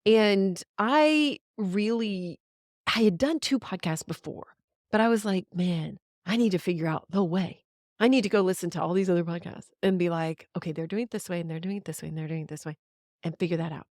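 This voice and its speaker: A woman's voice: on the low side, a little fast, a little mellow, no echo, studio quality. A middle-aged woman chatting candidly as a podcast guest, rambling and swearing freely, often laughing. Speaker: podcast guest, musician and writer. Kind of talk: casual conversation.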